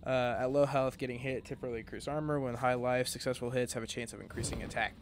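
A sleepy, yawning man talks through his gameplay in a loose, rambling way, full of restarts and self-corrections. His voice sits at an ordinary male pitch. A faint hiss lies under it. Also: flat delivery, fast. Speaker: gaming commentator. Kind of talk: casual gameplay commentary.

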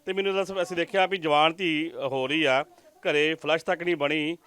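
A man's voice: fairly high pitch, steady tone, a little fast, a bit bright, clean tone. A man with a Majhi Punjabi accent reporting from a village, interviewing a poor family and earnestly pleading with viewers. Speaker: news reporter. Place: village outdoors.

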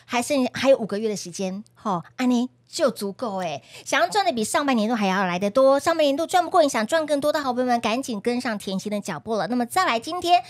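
A woman's voice: a little high, lively intonation, fast talker, hardly any pauses. A woman with a Taiwanese accent hosting a promotional talk show, gushing and repeating phrases for emphasis. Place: small studio. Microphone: close microphone.

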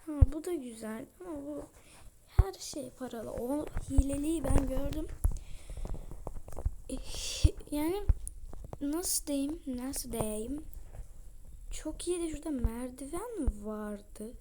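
High-pitched woman chatting through a game, whispers asides, loud hiss and clicks behind. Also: expressive, takes it slowly, long pauses. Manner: chatty, addresses viewers, often whispers asides. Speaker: gaming channel host. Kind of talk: casual game commentary.

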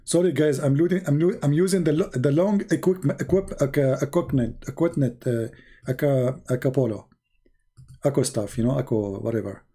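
A man's voice: medium pitch, normal speed, dark tone, breathy edge. A man giving a sarcastic, rambling monologue in broken non-native English, posing mock-naive questions. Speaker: online commentator. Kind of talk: mocking monologue.

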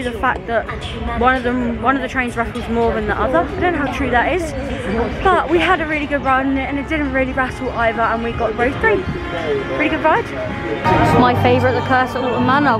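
Chatty woman vlogging. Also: high-pitched. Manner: chatty and enthusiastic, thinking aloud. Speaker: theme park vlogger. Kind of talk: casual vlog narration. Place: outdoors in a theme park. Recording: loud music in the background.

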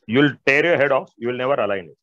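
Over a video call, an audio expert presenter, a middle-aged man with an Indian accent, talks fast in a mid-range, fairly bright voice. His informal, emphatic explanations of technical material repeat phrases and speak directly to listeners. The sound, from wired earphones, is dull and band-limited, with no echo.

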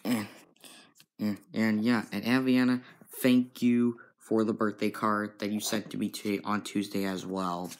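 A young man records a casual vlog on his phone in his bedroom, speaking in a fairly low voice. He talks very slowly, circling back over the same points again and again and calling out to his viewers. The sound is the plain audio of a handheld phone. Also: little pitch movement. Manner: slow and repetitive, keeps addressing "guys". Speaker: vlogger. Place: bedroom at home. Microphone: handheld phone camera.

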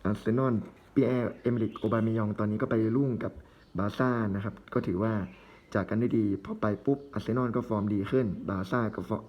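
A man with a fairly low voice opens trading card packs on camera. He calls out each player's name in quick, short bursts and drops easygoing, chatty asides in between, like a relaxed hobby commentator. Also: dull audio. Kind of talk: casual commentary while opening card packs.

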